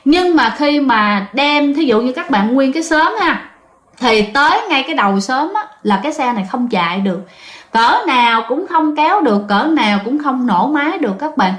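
A woman's voice: high voice, lively intonation, moderate pace, a bit bright. Chatty woman telling ghost stories. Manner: chatty, addresses listeners often, many fillers. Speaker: storyteller. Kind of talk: casual ghost-story narration. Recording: echoey room.

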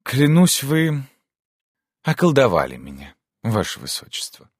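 A lively countess, teasing one moment and indignant the next, as a male reader puts her on in a raised, bright pitch. The voice sits close and dry in a storybook reading. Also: measured pace, slightly rough, dry recording, full character voice. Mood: charmed. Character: spirited warm-hearted countess, woman. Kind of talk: audiobook character reading.

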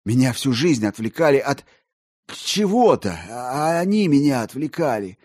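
A wild-eyed, rambling male collector, his voice climbing high and getting loud as he pleads and nearly shouts, performed by a man reading a story. The sound is dry and close. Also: sing-song, a little slow, no echo. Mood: feverish. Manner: feverish, pleading, rising to near shouts.

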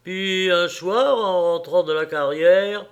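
A man's voice: sits high, slow, voice pushed up. A man voicing a hulking young quarryman accused of a crime, talking in a thick, growling voice of helpless anger. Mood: pleading, heartfelt.

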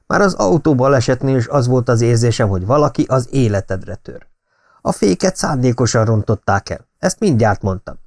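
A man's voice: mid-range voice, expressive, a little mellow, no room sound, clean studio sound, close to an everyday voice. A man voicing a serious, suspicious young woman who insists on danger. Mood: insistent.

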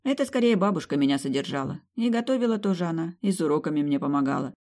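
A woman's voice: deep voice, animated, fast, darkish tone. A woman narrating a humorous fantasy audiobook in the first person, with a wry, conversational delivery.

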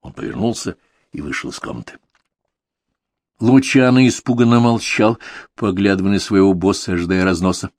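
A man narrating an audiobook in an even, measured reading. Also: sits low, no echo. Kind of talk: scripted narration.

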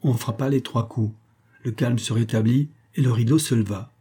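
A man reading a tale as an audiobook in a measured, steady way. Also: medium pitch, breathy edge. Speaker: audiobook reader.

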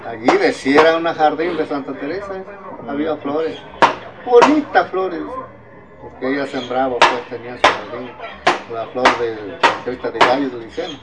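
A man's voice: mid-range voice, normal speed, very noisy. An older man from Mexico with an Oaxacan Spanish accent, retelling an oral folk legend, constantly repeating "dice" as he quotes the characters. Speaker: oral tradition storyteller.

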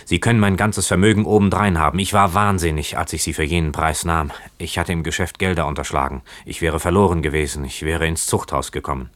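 Man putting on a scared young guy, breathy and half whispered, stammering, dry close sound. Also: sits low, fairly even intonation, brisk, few pauses, fairly bright tone, dry recording. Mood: pleading.

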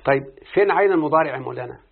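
A man's voice: fairly high pitch, very fast, creaky, breathy edge. A man with an Egyptian accent teaching an Arabic morphology lesson, constantly quizzing his student with questions. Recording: phone-like lo-fi audio.

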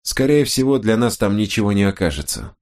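A man voicing a brisk, businesslike woman detective who speaks precisely and officiously. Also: lowish voice, very animated, a little mellow.

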